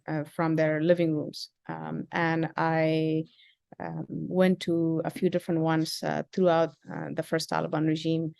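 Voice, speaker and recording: Low, gravelly woman from Afghanistan. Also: darkish tone, dry recording. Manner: halting, many ums and uhs, measured. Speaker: interview guest, school founder. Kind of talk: interview answers.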